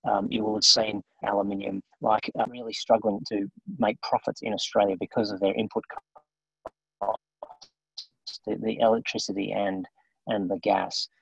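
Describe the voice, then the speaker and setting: Sex: man. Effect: degrading, dropping stream audio. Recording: muffled lo-fi video call. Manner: halting, husky. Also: on the low side, flat delivery, no room sound. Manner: halting, with many restarts and fillers. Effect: degrading stream audio that drops out. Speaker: remote presenter at an investor briefing. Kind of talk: formal briefing talk.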